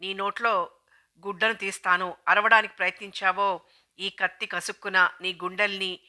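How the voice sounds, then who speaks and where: A woman's voice: mid-range voice, level tone, moderate pace, pushed and bright. A woman voicing a furious husband who threatens his wife with a knife, reading his lines with menacing, snarling commands. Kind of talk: audiobook dialogue reading.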